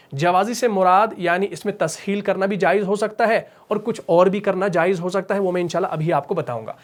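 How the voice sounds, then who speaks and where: A man teaching a Quran recitation lesson, explaining step by step and asking and answering his own questions. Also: sits high. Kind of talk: tajweed lesson.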